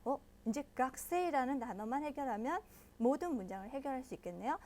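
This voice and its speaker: Brief: bright high-pitched female teacher, patient, walks learners through each point. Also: expressive. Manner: patient, explains step by step and checks in with listeners often; models pronunciation slowly and loudly. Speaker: Japanese language teacher. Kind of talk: online language lesson.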